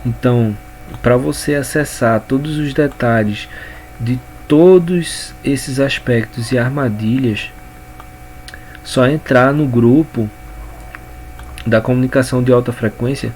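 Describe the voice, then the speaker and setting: Brazilian man teaching in unhurried speech. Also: mid-range voice, darkish tone, slight background noise. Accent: Brazilian Portuguese. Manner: unhurried, repeats words and restarts phrases while explaining. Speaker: communication coach. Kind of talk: informal spoken lesson.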